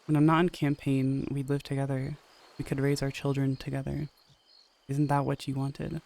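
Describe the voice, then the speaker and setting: A man's voice: medium pitch, monotone, normal speed, vocal fry, darkish tone, natural voice. A man reading the lines of an earnest young male soldier who pleads with the woman he loves, in an audio story. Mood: pleading.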